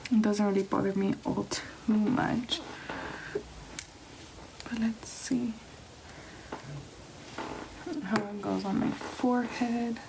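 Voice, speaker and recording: Girl doing a makeup vlog real quiet so she doesnt wake anyone, bit of background noise. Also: medium pitch, fairly even intonation, slow pace, creaky, pauses often. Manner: quiet, hushed talk at night-time volume so as not to wake someone. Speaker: beauty vlogger. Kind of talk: casual makeup tutorial chat. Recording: noisy home recording with clicks.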